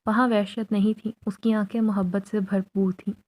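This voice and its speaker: Woman narrator, scripted horror story, mellow tone, measured, even pace. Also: medium pitch.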